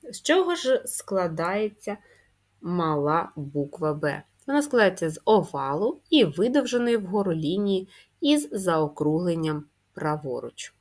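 Woman, schoolteacher, slow and patient, lowish voice, spells out sounds one by one. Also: sing-song. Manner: patient, drawn-out, answers her own questions. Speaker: primary school teacher. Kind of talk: slow, clearly spelled-out handwriting lesson.

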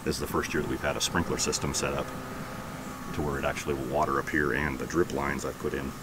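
A man in his thirties casually walking through his backyard garden, talking in a relaxed, rambling way with lots of fillers, filmed on a handheld camera outdoors. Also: a bass voice, fast talker. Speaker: homesteading vlogger. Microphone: camera held at arm's length. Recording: outdoor background noise.

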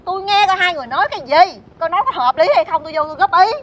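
Bà Tám, a chatty nosy neighbor. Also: female voice, extremely high pitch, rapid-fire, fairly bright tone. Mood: gossipy. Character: nosy gossiping middle-aged neighbor woman. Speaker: stage comedy actress. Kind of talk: stage comedy sketch.

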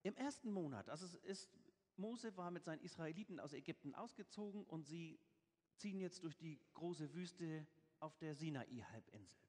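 A man's voice: a little high, animated, normal speed, darkish tone. A man preaching a sermon, reading scripture aloud with emphasis and explaining it in plain everyday words. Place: church. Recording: church with long reverb.

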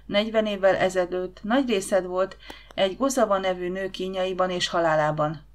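A woman voicing a grim, proud green Martian male warrior in an audiobook, speaking in a measured, grave way. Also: on the low side, steady tone, lightly acted. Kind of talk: audiobook character reading.

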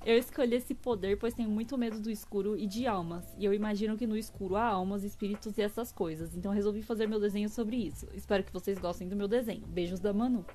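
A woman's voice: mid-range voice, steady tone, fast, few pauses, mellow. A young woman with a Brazilian accent, chatting casually on a live stream and reading viewers' texts aloud, gushing over cute drawings. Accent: Brazilian Portuguese.

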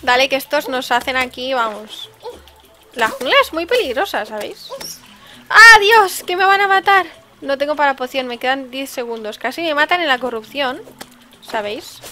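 A woman with a Spain Spanish accent gives casual, chatty gameplay commentary and breaks into sudden excited exclamations. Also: high voice, moderate pace, a little hiss or hum. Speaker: let's-play host.

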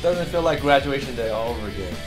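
A man chatting and joking as he narrates a road trip vlog to an action camera, inside a car and out. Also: mid-range voice. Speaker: vlogger. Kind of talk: casual travel vlog chat. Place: car interior and outdoors on the go.

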